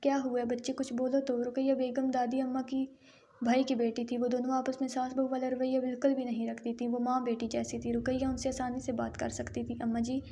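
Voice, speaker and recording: A woman reads a romance novel aloud in a steady, even storytelling manner. Her voice is high but fairly flat, with a mellow, unforced tone. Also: a little hiss or hum. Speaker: audiobook narrator.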